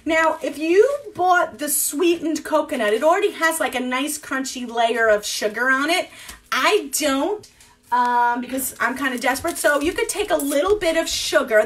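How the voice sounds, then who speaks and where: A woman's voice: sits high, moderate pace. A woman in her forties teaching a live cooking class from her home kitchen, rambling and thinking aloud with lots of fillers.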